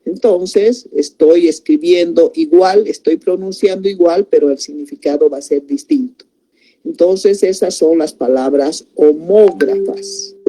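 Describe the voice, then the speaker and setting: Slow, dark-voiced woman teaching. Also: on the low side. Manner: slow and explanatory, repeats words, many tag questions. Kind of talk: spelling lesson.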